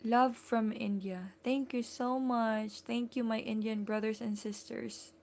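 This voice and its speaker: Slow, gravelly Filipino woman chatting live. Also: fairly high pitch, steady tone, darkish tone. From Philippines. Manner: chatty, greets and thanks viewers by name, many fillers. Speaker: vlogger hosting a live stream. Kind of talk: casual live-stream chat.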